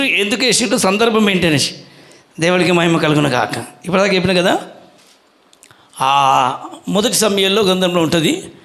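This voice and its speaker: A man's voice: high voice, a bit bright. A male pastor preaching a sermon, questioning the congregation and calling for their answers.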